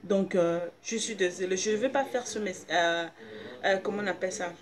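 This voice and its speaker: In a personal video sermon, a woman preacher exhorts her listeners with a medium-pitched voice at ordinary speed. Her delivery is insistent, with repeated phrases and questions and frequent fumbling for words.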